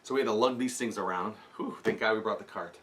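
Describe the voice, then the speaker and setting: A man co-hosting a casual vlog, chatting excitedly about flea market bargains. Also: fairly low pitch, fast talker. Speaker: co-host. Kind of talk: casual chat.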